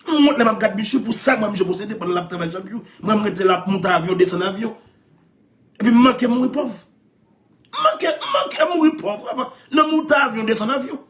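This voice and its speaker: Excitable high-voiced Haitian Creole man. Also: slight background noise. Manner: excitable, laughs often, repeats phrases, calls out. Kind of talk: animated storytelling chat.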